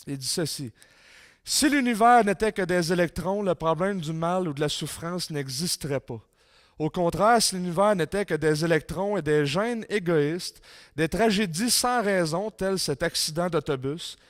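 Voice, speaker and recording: A man with a Québécois French accent giving a sermon-style talk in a church, reading quotes with rising force and dropping low for emphasis. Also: no echo, studio quality. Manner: reads quotes aloud with rising intensity, drops low for emphasis. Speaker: conference speaker.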